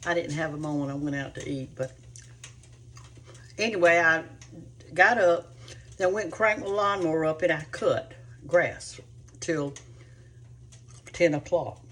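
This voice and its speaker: A woman's voice: low-pitched, measured pace, long pauses, a bit bright. A woman hosting a cooking show, chatting to viewers in a rambling, homespun way. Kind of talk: casual chat to viewers.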